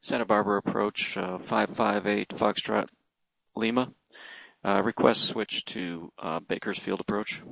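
A man speaking as a pilot making aviation radio calls to air traffic control, with halting, hesitant phrasing. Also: lowish voice, fairly even intonation, vocal fry, fairly bright tone. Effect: aviation radio transmission. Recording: dull, narrow radio-band sound.

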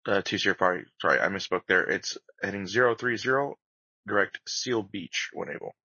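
A man's voice: sits low, expressive, a little fast, pushed and bright, husky, no room sound. A man giving clipped, procedural air traffic control instructions over radio in a flight simulation. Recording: dry, dull band-limited radio audio.

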